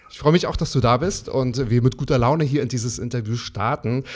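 A man's voice: medium pitch, fairly quick. A man hosting a podcast interview in a chatty, enthusiastic, casual way.

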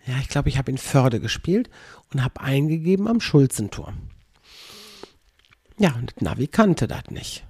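A man's voice: mid-range voice, sing-song, a little slow, long pauses, a little mellow, breathy edge, no room sound, clean studio sound. A man hosting a podcast in a rambling, wry casual monologue, often mimicking how people pronounce words. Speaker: podcast host.

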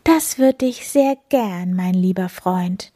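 A woman voicing a chatty, excited female cat in a children's story, breathy and high. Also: slow pace, noisy background. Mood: thoughtful.

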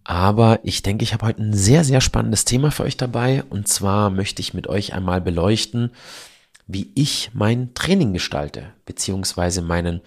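A man's voice: lowish voice, lively intonation, moderate pace. A man in his early forties with a cold, speaking in a nasal, honking, congested voice as he hosts a casual, chatty, self-deprecating solo podcast. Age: early 40s. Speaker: podcast host.

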